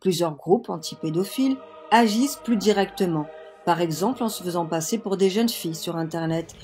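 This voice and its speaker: A woman's voice: fairly low pitch, fairly quick, darkish tone, soft background music. A woman reading scripted news narration.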